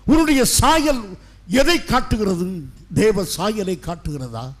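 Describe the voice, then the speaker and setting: A middle-aged male pastor preaching an impassioned sermon, swinging between loud declarations and hushed asides. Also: sits high, wildly swooping pitch, takes it slowly.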